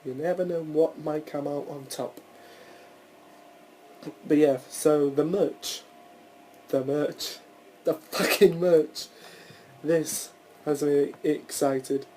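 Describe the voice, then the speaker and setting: A man's voice: a little high, fairly even intonation, takes it slowly, pauses often, warm tone, a little hiss or hum, rough recording. A young man hosting a casual solo podcast, rambling through his thoughts with frequent restarts and the odd swear word. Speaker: podcast host.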